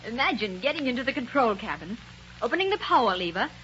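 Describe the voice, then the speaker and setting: A spirited young woman adventurer. Her voice is high, bright and very animated. A faint hiss of an old radio recording sits behind her. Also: quick pace, poor audio. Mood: lively. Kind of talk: 1930s radio drama acting.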